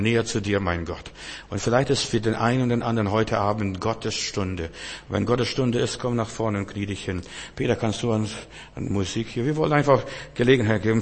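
Husky fervent preacher man. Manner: swings between hushed low passages and loud, fervent outbursts; repetitive, with stammered restarts. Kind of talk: sermon. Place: church. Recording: long church hall reverb.

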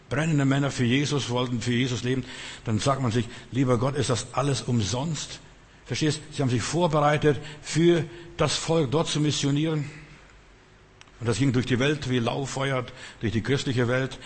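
A man whose first language isn't German preaches an extemporaneous sermon, repeating phrases emphatically and speaking straight to his listeners. His mid-range voice is slightly rough, and a long reverb tail follows his words.

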